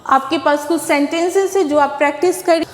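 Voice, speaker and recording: Woman phonics teacher, high voice, unhurried, echoey room with a long tail. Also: fairly even intonation, a little hiss or hum. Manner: patient, repeats words and asks rhetorical questions. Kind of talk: online English class in Hindi.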